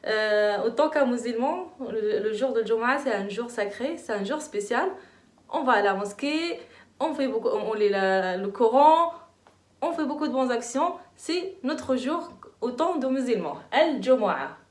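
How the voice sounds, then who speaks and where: A young woman teaches children in a playful, animated, encouraging voice. She sits a little high for a woman. The room around her is echoey. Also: normal speed. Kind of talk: children's lesson.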